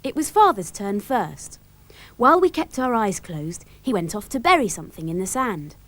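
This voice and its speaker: A woman with a British accent narrating a children's storybook in a lively, expressive way. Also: medium pitch, moderate pace.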